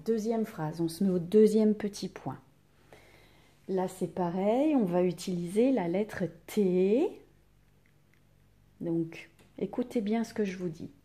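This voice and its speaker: A woman teacher giving a slow, patient reading lesson to young children, sounding out syllables and asking the class questions. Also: mid-range voice, dark tone. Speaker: primary school teacher.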